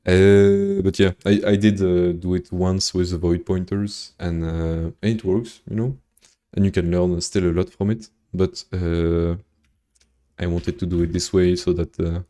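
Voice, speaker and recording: A French-speaking programmer from Belgium streams his coding, explaining as he goes and answering chat. He thinks aloud in a low, slow voice with a dark tone, halting often with fillers and restarts.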